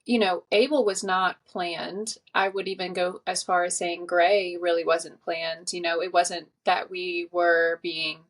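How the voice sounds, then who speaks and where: A woman in her twenties, appearing as a podcast guest, talks earnestly and reflectively in casual conversation, using many fillers. Her voice is fairly low with a level tone, and she speaks a little slowly with hardly any pauses.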